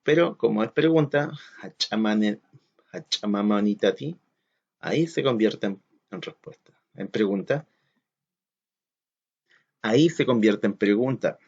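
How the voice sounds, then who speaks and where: A man's voice: lowish voice, unhurried, vocal fry, long pauses, a little mellow, breathy edge. A man teaching a recorded lesson to children, patiently counting aloud and posing questions to the class. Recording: slightly dull lo-fi audio.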